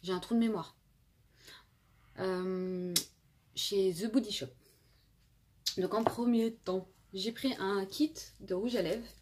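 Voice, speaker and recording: A woman's voice: medium pitch, steady tone, takes it slowly, long pauses, darkish tone, slight background noise. A woman in her twenties casually reviewing makeup palettes as a beauty vlogger, chatty with many fillers and restarts, filmed on a phone indoors. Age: 20s. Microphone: phone camera.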